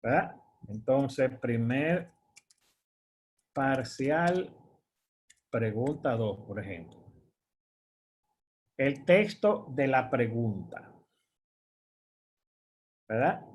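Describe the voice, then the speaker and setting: A man's voice: medium pitch, lively intonation, drawn-out words, long pauses. A man, teaching an online course as a screen-share tutorial, explaining step by step with fillers and frequent "verdad?" checks.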